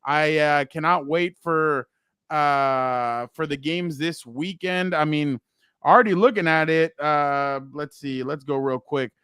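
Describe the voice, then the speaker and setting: A man with a fairly high voice co-hosts a casual sports show, loud and rambling and laughing often, though he takes it slowly. His voice is close, dry and clean, with no room sound at all.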